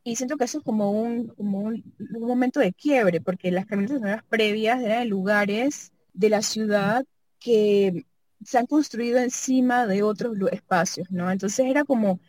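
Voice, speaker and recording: This double bassist and sound artist considers her work in a casual, reflective manner, speaking her thoughts as they come and often adding tag questions. She talks at a moderate pace in a slightly mellow voice, recorded dry.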